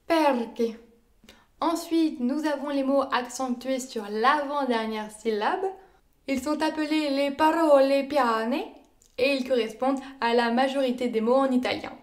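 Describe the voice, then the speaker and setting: A young woman, a native French speaker, giving a scripted lesson in a clear, careful way and speaking example words aloud. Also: high-pitched, moderate pace. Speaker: language learner teaching Italian.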